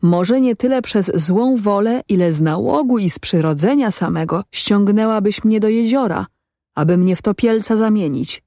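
A woman's voice: mid-range voice, animated, moderate pace, mellow, dry recording, clean studio sound, close to an everyday voice. A woman voicing a wary, stubborn peasant man who gives evasive, guarded replies in a storybook reading.

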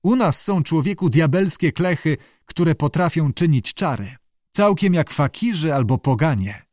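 Male reader as a wheedling little Irish deckhand for an audiobook; raised pitch, animated swings. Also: no room sound, studio quality. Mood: gossipy. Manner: wheedling, conspiratorial, quick to back down. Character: small chatty gossiping male Irish sailor. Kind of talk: audiobook character voice.

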